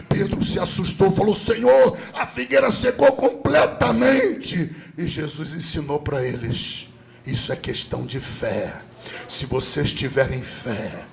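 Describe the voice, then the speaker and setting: Man, Brazilian Portuguese accent, Pentecostal preacher, slow deliberate delivery, gravelly voice, shouted sing-song peaks. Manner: swings between loud shouted sing-song and low intimate teaching. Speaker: pastor. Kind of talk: Pentecostal sermon. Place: rooftop church service.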